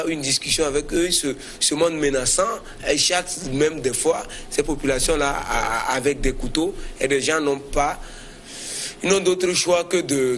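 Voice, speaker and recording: Slight hiss or hum accompanies a man whose voice is on the high side and fairly bright. As a current affairs debate panelist, he comments spontaneously on politics, pausing and repeating words while he works toward his point.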